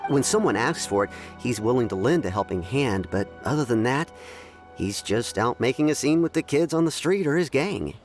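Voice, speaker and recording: Man playing a reserved game townsman, calm polite voice, faint music. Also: mid-range voice, moderate pace, natural voice. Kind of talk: video game voice acting.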